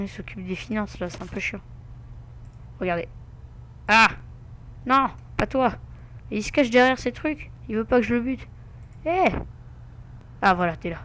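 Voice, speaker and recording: A let's play gamer with a high, fairly bright voice mutters to himself while giving casual gameplay commentary, throwing in asides and mild swearing. There's slight background noise.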